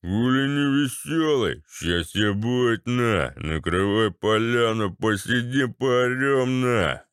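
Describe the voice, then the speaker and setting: Brief: swaggering drunk ex-paratrooper, voiced by a man, bassy and crude, slow and smooth. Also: expressive, no room sound, studio quality. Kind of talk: audiobook character voice.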